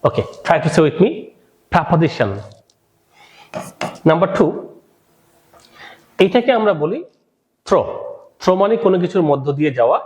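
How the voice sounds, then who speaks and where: A man's voice: high voice, a little mellow, roomy sound. A man teaching English pronunciation in a spoken lesson, drilling words by repeating them and asking listeners to say them with him.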